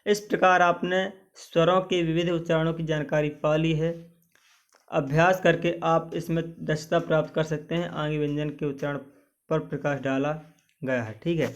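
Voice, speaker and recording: A man's voice: fairly high pitch, little pitch movement, moderate pace. A man teaching English pronunciation in Hindi, reading out example words one at a time and asking the listener "what?" to repeat the point. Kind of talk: Hindi-language lesson explaining English vowel sounds.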